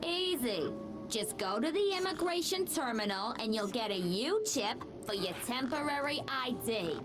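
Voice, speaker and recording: A woman's voice: on the high side, expressive, moderate pace, lightly acted. A woman voicing an officious female droid in a video game, a robot who keeps repeating directions. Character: officious female welfare droid, chirpy and bureaucratic. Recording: game audio over loud music.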